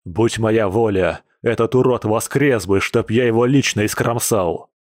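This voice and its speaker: A man voicing a hot-tempered, protective bear shapeshifter, gruff and intense, in an audiobook. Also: unhurried, darkish tone, no room sound, clean studio sound, close to an everyday voice. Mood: furious. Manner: gruff, intense, with low hissed anger. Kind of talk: audiobook character reading.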